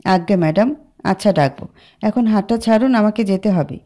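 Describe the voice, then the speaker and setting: A shy, polite young woman from a spoken storybook, read by a woman. She speaks softly and formally. The voice is mellow and warm. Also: medium pitch, fairly quick, lightly acted. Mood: flustered. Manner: soft, formal.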